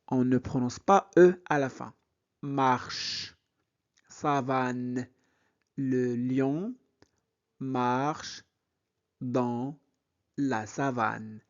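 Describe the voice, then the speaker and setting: A man teaching French reading, saying each word slowly, spelling out letters and repeating syllables for learners. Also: medium pitch, muffled recording. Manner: very slow, syllable by syllable, repeating words. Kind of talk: slow reading lesson, spelling out sounds.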